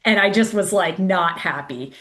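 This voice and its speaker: A woman's voice: lowish voice, lively intonation, normal speed, fairly bright tone. A woman guest telling a casual story in chatty speech, full of "like", acting out the voices of the people she quotes. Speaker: guest, race director.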